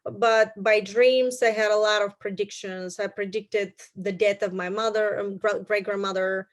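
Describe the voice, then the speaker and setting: Bulgarian-accented woman, flat even voice. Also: mid-range voice. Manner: halting, many fillers and restarts. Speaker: guest. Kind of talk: casual storytelling in an interview.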